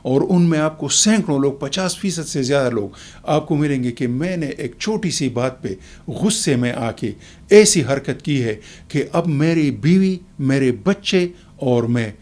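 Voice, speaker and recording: A man, a guest on a talk program, explaining calmly in a measured, lecturing way with everyday examples. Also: medium pitch. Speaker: expert guest. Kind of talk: explanatory talk show answer.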